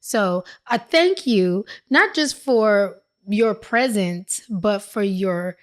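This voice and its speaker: A woman co-hosting a podcast in a casual, heartfelt chat, animated and affirming. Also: medium pitch, very slow. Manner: animated, affirming, drops into playful put-on voices. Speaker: podcast co-host.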